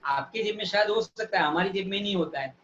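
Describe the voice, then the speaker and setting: A male teacher giving a live online class, repeating definitions slowly and quizzing students by name. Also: sits high, a bit bright, slight background noise. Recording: echoey, distant, dull sound.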